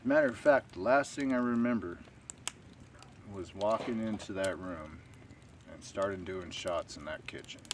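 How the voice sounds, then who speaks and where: A man telling a long story to camera in a rambling, unhurried way, full of fillers. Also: low voice. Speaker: stealth camping vlogger. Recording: distant outdoor camera audio with faint ambient noise.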